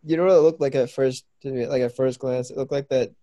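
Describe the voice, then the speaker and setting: A man's voice: medium pitch, steady tone, fast talker, mellow, dull audio. Young guy guesting on a podcast, chill, keeps asking questions. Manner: easygoing, asks lots of questions. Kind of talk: casual chat.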